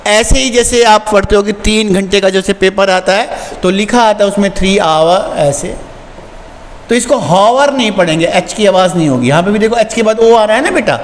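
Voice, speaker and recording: A man teaching an English lesson to children, repeating words slowly and translating line by line. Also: sits high, expressive. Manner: calls pupils "beta" warmly. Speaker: school teacher. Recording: reverberant room, faint background noise.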